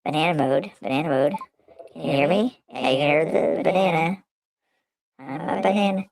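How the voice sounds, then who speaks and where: A man talking through a high-pitched, chipmunk-like voice changer, rambling casually while he tests settings on a live stream. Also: normal speed, gravelly, a little mellow. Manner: rambling, testing settings aloud.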